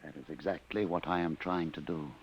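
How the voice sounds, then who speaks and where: A man's voice: rumbling low, steady tone, brisk, slightly rough, highs cut off, full character voice. An actor playing a remorseful, weary male inventor in a 1950s radio drama, heard on an old radio recording. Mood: grave. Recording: hissy old radio broadcast.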